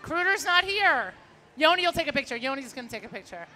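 A woman's voice: high voice, big pitch swings, fast, pushed and bright, a little hiss or hum. A woman giving chatty live parade commentary outdoors and calling out to the marchers. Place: outdoors on a city street at a parade. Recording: music and crowd behind, outdoor broadcast. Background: music and crowd.

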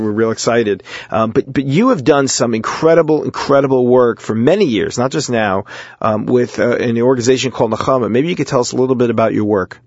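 An American man hosting a radio show in an informal, storytelling way, with halting speech that often repeats words. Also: fairly low pitch. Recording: muffled lo-fi internet phone audio, roomy echo.

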